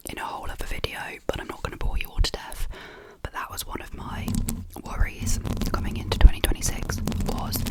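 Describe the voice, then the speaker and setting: Young ASMR creator, fully whispered, intimate and rambling, right on the mic. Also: rough recording. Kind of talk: whispered ASMR ramble, casual personal chat. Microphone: close mic.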